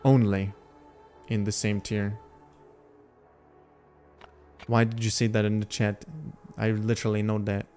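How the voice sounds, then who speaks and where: A man's voice: lowish voice, level tone, a little slow, long pauses, a little mellow, faint music behind. A man from Lithuania, casually commenting on gameplay and chatting with his viewers. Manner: chatty, thinking aloud, talks to chat. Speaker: gaming livestreamer.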